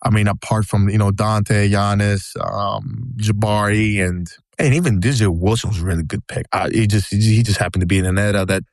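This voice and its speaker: A man from Greece co-hosting a podcast, talking excitedly and repeating himself in casual sports chat. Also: fairly low pitch, creaky, no echo, studio quality. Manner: fast, excitable, repeats words and says "bro". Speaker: podcast co-host.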